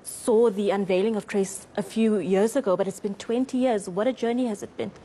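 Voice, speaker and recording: A woman's voice: medium pitch, fairly even intonation, brisk, dark tone, a little hiss or hum. A woman with a South African accent, a TV news anchor hosting a live studio interview, polite and upbeat with her guest.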